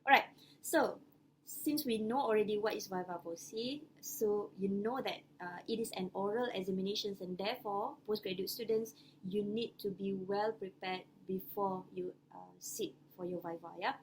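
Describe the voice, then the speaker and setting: A woman's voice: medium pitch, moderate pace, a little hiss or hum, poor audio. A woman with a Malaysian English accent speaking to postgraduate students in an online webinar, hesitant, with many fillers and restarts. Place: home or office, online webinar. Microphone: computer microphone on a video call.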